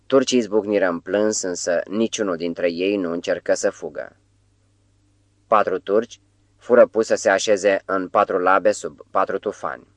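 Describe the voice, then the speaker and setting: A man reading a novel aloud as an audiobook narrator, measured and grave. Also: sits low, dry recording. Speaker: audiobook reader.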